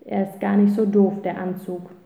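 A woman's voice: medium pitch, little pitch movement, normal speed, vocal fry, warm tone, natural voice. Woman doing bossy schoolmasterly boy. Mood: decisive. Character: bossy clever boy who grades others. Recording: roomy, tinny phone-like sound.

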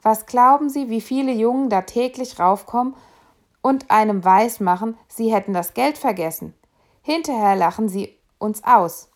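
A woman reading aloud, voicing a loud, impatient male tram conductor who scolds a boy. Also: a little high, unhurried, lightly acted. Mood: grumbling. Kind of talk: audiobook reading.

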